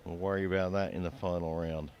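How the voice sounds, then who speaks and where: A man commentating live on a lifting event, reading out lifters and weights with a relaxed, joking manner. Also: deep voice, quick pace, lo-fi sound, a crowd in the background. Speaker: sports commentator.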